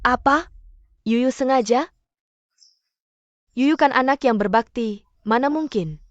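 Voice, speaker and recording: An actress playing a sharp-tongued middle-aged mother who scolds with indignation. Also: sits high, slow pace, dry recording, highs cut off. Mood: indignant. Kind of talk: dubbed mini-drama acting.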